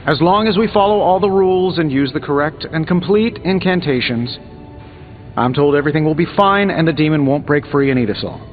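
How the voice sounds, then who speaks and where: An American man playing a cocky, sarcastic superhero inventor with glib, quick-witted banter in a video game. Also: a little high, lightly acted. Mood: breezy, explaining. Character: cocky, wisecracking male superhero inventor in armour. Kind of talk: video game dialogue acting. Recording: dull game audio with music behind.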